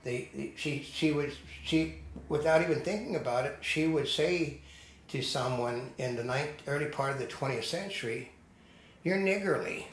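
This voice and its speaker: A man's voice: medium pitch, moderate pace. Older man telling rambling stories, echoey room. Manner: digressive storyteller, firm opinions. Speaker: co-host. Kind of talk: casual discussion. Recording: echoey room with faint noise.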